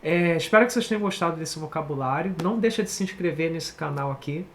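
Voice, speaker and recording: A man with a Brazilian Portuguese accent giving a casual online English lesson, chatty and animated, often checking in with the viewer. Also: a little high, fast talker, slight background noise. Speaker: English teacher.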